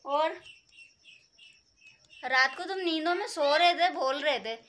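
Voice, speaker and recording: Bright, high-voiced teasing Karachi woman. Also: slow, slight background noise. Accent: Karachi Urdu. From Karachi, Pakistan. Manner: playful, teasing storyteller. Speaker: co-host, wife. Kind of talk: casual family vlog chat. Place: home during a power cut. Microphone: phone, no external mic.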